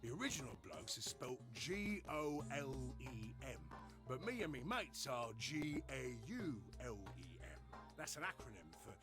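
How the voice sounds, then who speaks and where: Cockney robot, game character, jovial, slangy, rough-edged, very lively pitch, game music behind. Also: male voice, normal speed. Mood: chatty. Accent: Cockney English. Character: chatty working-class male robot, cheeky and folksy. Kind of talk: video game voice acting.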